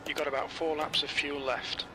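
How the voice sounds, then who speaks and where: A man voicing a calm race spotter and crew chief who gives terse pit radio calls in clipped, flat phrases. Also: a little high, normal speed, lightly acted. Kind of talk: prerecorded game announcements. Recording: loud race engine noise. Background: racing car engines.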